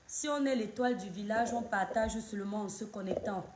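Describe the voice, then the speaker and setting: A Cameroonian woman with a cold-roughened, hoarse voice runs a casual live stream, greeting viewers by name again and again. She speaks briskly in a mid-range voice from an echoey room with a lot of background noise.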